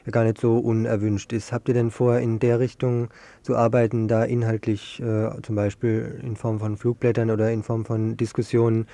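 A man hosts a local radio interview in a mellow, mid-range voice with a level tone and moderate pace. He asks his questions hesitantly, as if searching for words. The lo-fi recording sounds muffled and dull.

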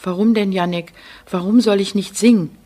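A woman voicing a small, trusting ten-year-old boy with a bright, eager voice. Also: medium pitch, steady tone, normal speed, lightly acted.

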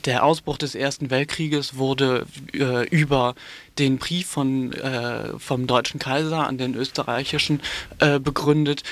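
Speaking in a steady, medium-pitched voice, a man gives polemical, sardonic radio commentary full of criticism. His delivery is halting, with hesitations throughout.

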